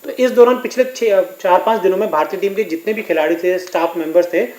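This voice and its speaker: A man's voice: high voice, quick pace, darkish tone, roomy sound, rough recording. A man reporting as a sports correspondent in a news discussion, giving detailed explanations.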